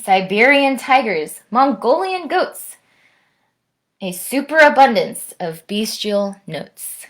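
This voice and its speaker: A woman's voice: a little high, big pitch swings, slow, fairly bright tone. American woman hosting a children's storytime. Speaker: orchestral musician, guest storytime reader. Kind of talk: children's storytime, reading aloud and chatting to young viewers.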